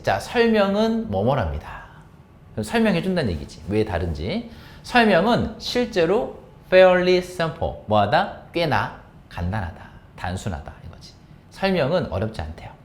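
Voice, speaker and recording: Male tutor, animated pitch, quizzing style, middle-pitched voice. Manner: lively, questioning, answers own questions. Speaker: English teacher. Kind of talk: explaining an exam passage to students.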